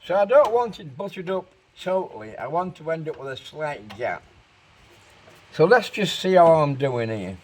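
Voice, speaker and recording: This car restoration demonstrator talks through a casual workshop tutorial, narrating every step and musing aloud while working. He speaks at a moderate pace in a fairly high voice with big swings in pitch.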